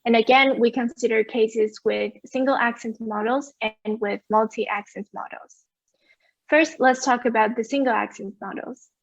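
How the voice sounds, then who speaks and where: A woman giving an academic conference presentation over a video call, explaining results clearly. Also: on the high side, dry recording, muffled recording. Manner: clear, explanatory, asks for next slide.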